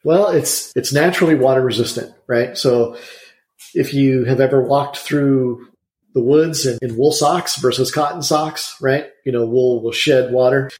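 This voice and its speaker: A man's voice: mid-range voice, darkish tone, reverberant. A man, an insulation contractor telling rambling stories as a guest in a casual interview. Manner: chatty, rambling, quick storyteller.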